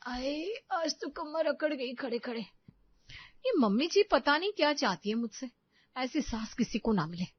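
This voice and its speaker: A woman's voice: high-pitched, animated, moderate pace, breathy edge, no room sound. A woman voicing a put-upon young daughter-in-law in a cartoon story, polite and meek, on dull, dry audio. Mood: grumbling.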